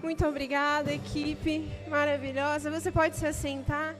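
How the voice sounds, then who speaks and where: Young Brazilian woman preacher, high voice, chatty church sermon with faint music behind. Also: little pitch movement, normal speed, big-room sound. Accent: Brazilian Portuguese. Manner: chatty, conversational, with frequent tag questions and light laughs. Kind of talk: sermon with opening prayer.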